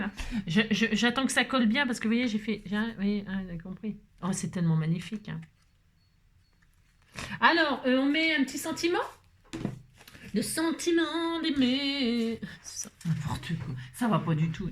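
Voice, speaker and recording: A woman's voice: medium pitch, fairly bright tone, a little hiss or hum. A woman hosting a craft tutorial, chatting playfully to herself and her viewers and breaking into song.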